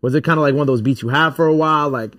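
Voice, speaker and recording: A man hosting a casual interview, chatting in a quick, relaxed way. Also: on the high side, no room sound, clean studio sound. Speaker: interview host.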